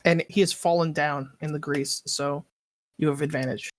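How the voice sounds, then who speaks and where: Low-voiced woman running the game. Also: steady tone, normal speed, no room sound. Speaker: game master. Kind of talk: narrating a tabletop game.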